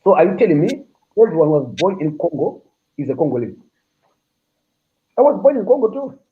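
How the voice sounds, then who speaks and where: Man from Zimbabwe, high and quick, joking and bragging, captured on a thin phone recording. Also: very animated. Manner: boisterous, joking and boastful. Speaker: patient filming himself. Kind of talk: casual chat. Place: hospital room. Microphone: phone camera. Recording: tinny phone-like audio.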